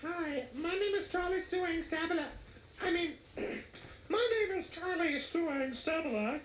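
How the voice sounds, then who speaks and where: A man voicing a simple-minded, childlike 48-year-old man who talks in a high, innocent, eager way. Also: normal speed, fairly bright tone, reverberant, muffled recording, a little hiss or hum. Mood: nervous, eager.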